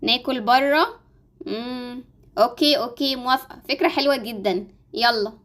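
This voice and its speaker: High-voiced scheming Egyptian wife acted by a woman. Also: moderate pace, fairly bright tone, close to an everyday voice. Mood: breezy. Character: scheming, spiteful young wife who nags her husband. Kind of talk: amateur game-animation story acting.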